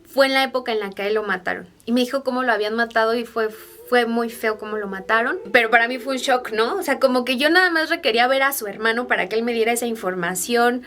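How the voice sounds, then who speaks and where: A woman's voice: on the high side, fast talker, fairly bright tone. Chatty young woman vlogger. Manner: chatty, with frequent fillers and asides to viewers. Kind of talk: personal storytelling to camera.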